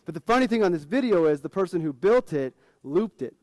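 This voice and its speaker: A man's voice: high-pitched, expressive, brisk, darkish tone, no echo. A man in his forties, a financial advisor, giving a casual, frank conference talk to fellow advisors.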